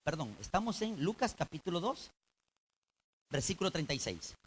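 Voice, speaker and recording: A male pastor preaching a colloquial sermon in church, swinging between loud emphasis and low intense tones and addressing the congregation directly. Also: sing-song, moderate pace, slight background noise.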